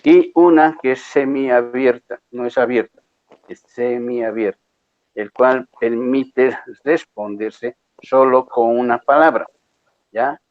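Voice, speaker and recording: A man's voice: mid-range voice, takes it slowly, no room sound, lo-fi sound. A male lecturer patiently explaining exam rules to a class, often checking that students follow. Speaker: university lecturer.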